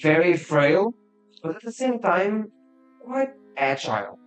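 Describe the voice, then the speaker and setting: Slow, hesitant man narrating a game. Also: sits high, sing-song, faint music behind, low-quality recording. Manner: hesitant, many fillers and self-corrections. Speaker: game master.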